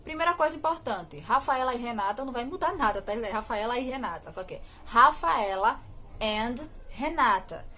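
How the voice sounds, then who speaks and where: A Brazilian woman with a fairly high voice teaches English grammar to children. She speaks in quick explanations, then draws out each example sentence slowly and checks in with rhetorical questions. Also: expressive, pushed and bright. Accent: Brazilian Portuguese. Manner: slow, drawn-out model English sentences between quick explanations; asks rhetorical questions, frequent "ok?". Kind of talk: recorded online grammar lesson.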